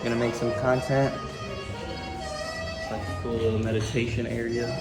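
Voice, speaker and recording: A man's voice: mid-range voice, huge pitch swings, moderate pace. A man talking casually to camera as a vlogger, addressing his viewers in a motivational, informal way. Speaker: vlogger and day trader. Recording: loud music over the voice. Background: loud music.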